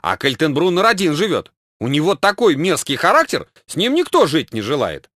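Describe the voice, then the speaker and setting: A man's voice: fairly high pitch, huge pitch swings, a little fast, fairly bright tone, dry recording, studio quality, pitched above the performer's own voice, full character voice. A man voicing a meek, childish male asylum patient who sounds plaintive and needy, in a comic audiobook. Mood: pleading.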